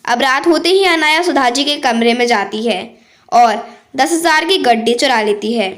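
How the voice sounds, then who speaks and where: A woman narrating a family moral story in a steady, plain way. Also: high voice, moderate pace.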